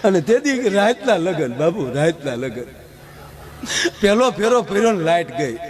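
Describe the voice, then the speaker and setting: Animated storyteller on stage. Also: male voice, sits high, normal speed. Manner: animated, acts out dialogue. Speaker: folk comedian. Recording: live show with crowd.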